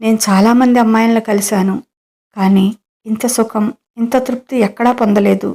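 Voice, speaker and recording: Figure: a woman reading as a doting middle-aged employer. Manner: pleading, coaxing. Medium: audio story. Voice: mellow and flat. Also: a little high, moderate pace.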